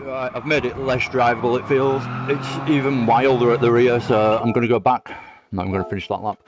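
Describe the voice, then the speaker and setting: In casual live-stream gameplay commentary, a sim racing streamer laughs a lot and teases his friends as he races. He speaks fairly quickly in a steady, mid-range voice, over background noise and music.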